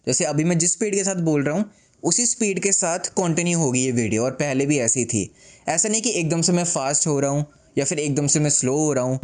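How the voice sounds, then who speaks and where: A man talking to camera in a casual advice vlog, speaking slowly and deliberately with pauses, mixing English phrases in and making self-deprecating jokes while seated indoors. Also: a little high, darkish tone. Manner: slow, composed, deliberate delivery with pauses; mixes English phrases into Hindi. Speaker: YouTuber.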